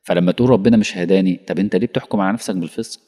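A man with an Egyptian Arabic accent preaches a colloquial lesson at a quick clip, in a fairly low voice. He pelts listeners with rhetorical questions and acts out little dialogues. A long hall reverb trails after his words. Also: mellow.

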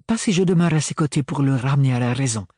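A coaxing, elegant noblewoman, as a man reading an audiobook puts her on in a raised voice. The tone is husky and the recording is dry and close. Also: medium pitch, animated, fast, warm tone, no echo. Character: persuasive elegant noblewoman aunt.

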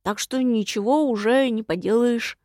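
A woman voicing a hushed, guileless imp. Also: on the high side, normal speed, dry recording, studio quality, close to an everyday voice. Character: shaggy male imp helper, simple-hearted. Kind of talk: audiobook character reading.

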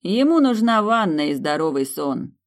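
A woman's voice: lowish voice, very animated, moderate pace, voice pushed up. Woman voicing a sly mocking demon man. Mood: stern. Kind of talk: audiobook character voice.

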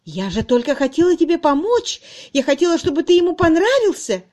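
A desperate older spinster pleads in a shrill, tearful voice, as a woman reads her in an audiobook. Her voice climbs high and thin, strained with crying. It is a plain studio reading with nothing behind it. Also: very animated, unhurried. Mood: tearful, pleading.

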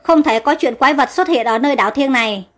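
A woman voicing an adult male king who speaks calmly and with authority. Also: high voice, quick pace, soft background music, natural voice. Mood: authoritative.

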